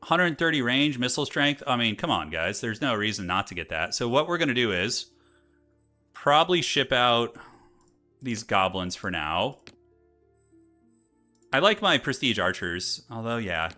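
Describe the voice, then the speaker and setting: A man with a mid-range, sing-song voice and a bright, forceful tone speaks a little slowly, leaving long pauses. He's a streamer giving casual, slangy live commentary on the strategy game he's playing, thinking aloud over game music.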